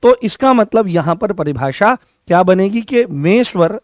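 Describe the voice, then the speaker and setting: A high-pitched man teaches a Hindi lesson, repeating key terms and firing questions back at his students. The sound is dry and close, with chatty folksy asides between the drills. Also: lively intonation, a little slow, darkish tone, no room sound. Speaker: Hindi teacher for exam prep. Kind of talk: classroom lecture.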